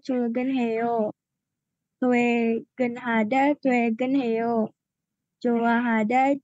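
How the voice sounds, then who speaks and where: Slow flat-voiced woman student reading aloud. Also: fairly high pitch, dry recording. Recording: dull lo-fi dry sound.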